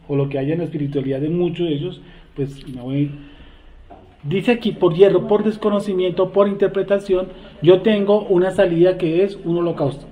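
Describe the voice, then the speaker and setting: A man leading a scripture study class. He reads verses aloud and keeps asking the group rhetorical questions. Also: a little high. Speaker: Torah study teacher. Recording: tinny, echoey phone-like recording.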